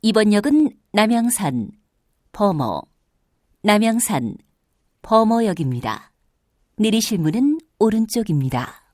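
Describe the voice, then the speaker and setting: A woman's voice: mid-range voice, big pitch swings, a little slow, long pauses, a little mellow, dry recording, clean studio sound. A woman reading a prerecorded train station announcement in a polite, formal, evenly paced voice. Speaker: subway announcer.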